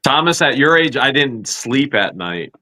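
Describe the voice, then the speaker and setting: Middle-aged guy, bright punchy voice, dry jokes in a casual chat. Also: medium pitch, very animated, unhurried, poor audio.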